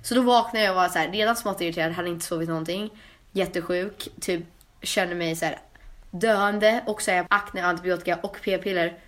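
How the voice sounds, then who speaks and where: A woman's voice: fairly low pitch, fairly even intonation, fairly bright tone. A young woman co-hosts a casual podcast chat. She tells her stories with animation, dropping English phrases and the odd swear word along the way. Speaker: podcast co-host.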